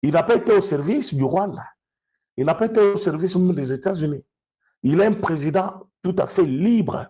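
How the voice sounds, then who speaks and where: Speaking with a Congolese accent, a man delivers off-the-cuff political commentary while switching between two languages, repeating phrases emphatically to drive them home. His voice is fairly high, distinctly husky yet mellow, expressive and at normal speed.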